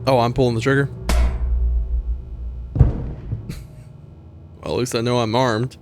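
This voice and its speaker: A man's voice: medium pitch, fairly even intonation, unhurried, over music. A man commentating a horror game playthrough with wry, joking asides. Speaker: gaming commentator. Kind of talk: let's play commentary.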